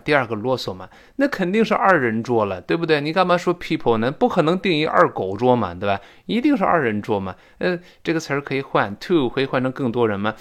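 A man teaching English pronunciation in a lively, joking way, demonstrating sounds aloud. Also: mid-range voice. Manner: animated, jokey, demonstrates sounds. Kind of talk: lively spoken lesson.

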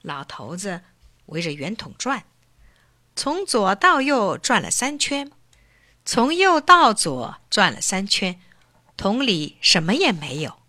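Bright, lively woman storyteller. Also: medium pitch, takes it slowly, no room sound, studio quality. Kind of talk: children's story narration.

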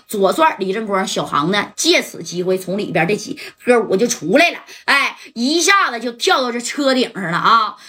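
Bright-voiced woman storyteller. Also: on the high side, slightly rough. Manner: lively folksy asides to the listener. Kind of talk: colloquial gangster story narration.

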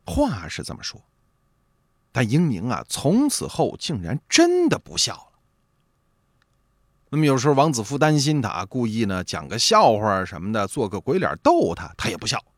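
A man telling a traditional folk tale in a lively, animated storytelling manner with drawn-out interjections. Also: medium pitch, no room sound, studio quality.

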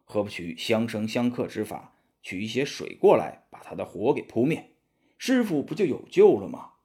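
A cautious monk disciple speaks low and measured, full of worry, as a male storyteller voices him. He sits a bit lower and softer than the lively telling around him. It is a children's storybook telling. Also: slightly rough. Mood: thoughtful.

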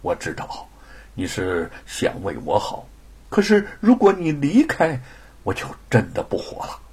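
A man's voice: on the high side, huge pitch swings, normal speed, breathy edge, voice pushed up, exaggerated voice. A man voicing a passionate scholar husband in an audiobook, dramatic and teasing. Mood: tender. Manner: dramatic, swings from pleading to stern.

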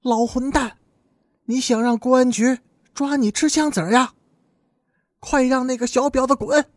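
A man doing a shrill, scolding young woman. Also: steady tone, normal speed, no room sound. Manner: shrieking, scolding.

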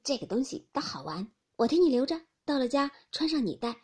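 A woman's voice: high-pitched, big pitch swings, fairly quick, a little mellow, slightly rough, heavily acted. A woman voicing a spirited noble teenage boy who talks eagerly and cheerfully.

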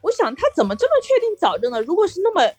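A woman co-hosting a chat show, speaking casually and telling anecdotes in an animated way with quoted dialogue. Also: very high voice, very fast, dry recording. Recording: music bed behind the voice.

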